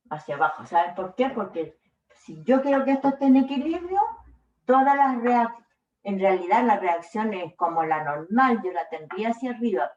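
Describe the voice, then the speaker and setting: Woman, physics teacher, distant and muffled, unhurried classroom explaining. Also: medium pitch. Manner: slow, checks in with frequent "¿ya?". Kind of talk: explaining a worked problem. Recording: echoey room, distant dull mic.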